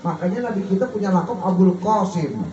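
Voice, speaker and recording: In an echoey hall at a gathering, a man delivers a sermon fairly quickly with lively intonation. He lets the crowd finish his words and lifts into a high, soft voice on questions. It's recorded from a distant mic, sounding dull and echoey with faint hiss.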